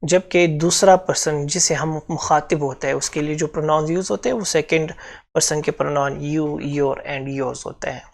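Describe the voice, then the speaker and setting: Pakistani guy teaching grammar for exam prep, gravelly creaky voice, goes over things twice, lots of uhs. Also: fairly high pitch, fairly even intonation, normal speed. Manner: explains step by step, repeats points, frequent fillers.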